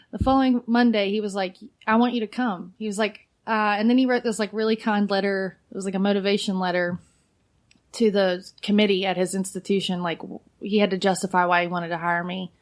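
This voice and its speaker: A woman's voice: medium pitch, flat delivery, a little fast. A woman in her thirties, a biochemist guest on a podcast, chatting casually with lots of "like" and frequent laughter. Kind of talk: casual chat.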